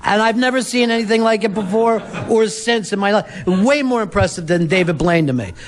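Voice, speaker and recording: A man's voice: sits high, brisk. A man hosting an interview, chatting in an easygoing way and swearing casually. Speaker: host.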